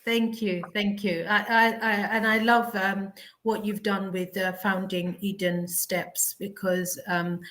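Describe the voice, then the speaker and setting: Casting: woman host, mid-pitched, encouraging, hesitant, lots of fillers. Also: level tone, takes it slowly, hardly any pauses, fairly bright tone. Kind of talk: casual interview questions. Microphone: video call.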